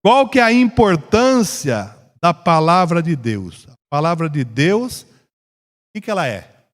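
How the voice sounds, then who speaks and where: A Brazilian man leads a church Bible class at an unhurried, deliberate pace, his voice sitting a little high for a man. He stretches his words and swells into emphasis on the verses he reads, and the sound hangs in a long, echoing church hall. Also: big pitch swings. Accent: Brazilian Portuguese. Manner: slow, drawn-out delivery with rising emphasis on scripture. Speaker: church teacher.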